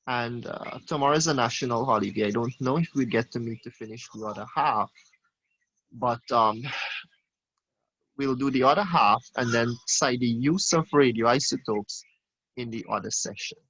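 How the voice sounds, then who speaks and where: Teacher for an online class, man, mid-pitched, questioning tone, muffled lo-fi call audio. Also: normal speed, a bit bright, breathy edge. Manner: questioning, calls on students by name. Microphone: video call.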